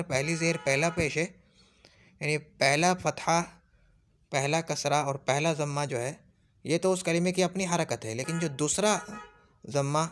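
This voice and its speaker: A man teaching Arabic grammar, patiently repeating points and checking whether his listeners have understood. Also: a little high. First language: Urdu. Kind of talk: classroom lesson.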